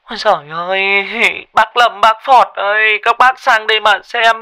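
A man's voice: sits high, fairly even intonation, normal speed, sharp tone, clear, resonant tone, voice pushed up. A man voicing a desperate wife who wails and begs for help in a ghost story. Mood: wailing. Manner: wailing, crying out for help. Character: wailing middle-aged wife, beaten and desperate.

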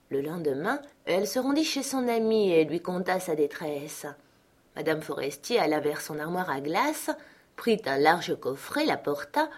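A woman narrating a classic short story aloud in a measured, expressive way. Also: on the low side.

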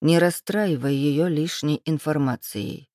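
A woman's voice: moderate pace, warm tone, no room sound, clean studio sound, close to an everyday voice. A woman playing a stern, terse young man. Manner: clipped, low.

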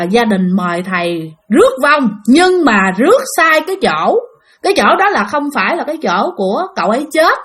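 Speaking with a Southern Vietnamese accent, a woman tells a casual ghost story, chatting directly to her listeners. Her voice is a little high and fairly bright.

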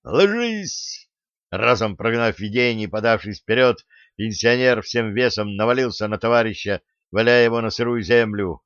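A man narrating an audiobook in an even storytelling manner. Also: lowish voice, moderate pace, dry recording, dull audio. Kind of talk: scripted narration.

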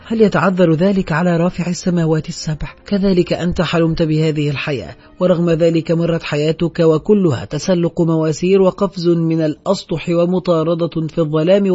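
A worn-out young woman who speaks weakly and with deep sorrow, as a male narrator reads her. The voice is husky and mellow, and it comes through a dull, lo-fi recording. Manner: weak, sorrowful speech. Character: tired, beaten young woman, sad and weak. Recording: dull lo-fi audiobook track.

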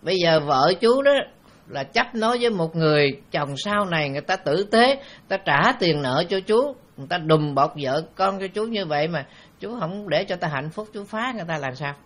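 A man's voice: fairly high pitch, expressive, fairly quick, a bit bright. A man, a Buddhist monk giving a rambling, conversational dharma talk full of anecdotes and fillers.

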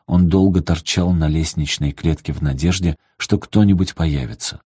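Low husky male audiobook narrator. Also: no echo, studio quality. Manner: steady, measured storytelling. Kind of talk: scripted narration.

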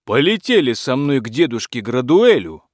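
A man's voice: mid-range voice, sing-song, moderate pace, no echo, clean studio sound. A man voicing a sly, coaxing male dragon in a fairy tale.

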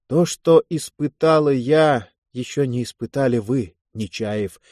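A man voicing a self-assured woman army medic of about thirty who gently mocks the men around her. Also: mid-range voice, a little slow, no room sound, clean studio sound, lightly acted. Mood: commanding.

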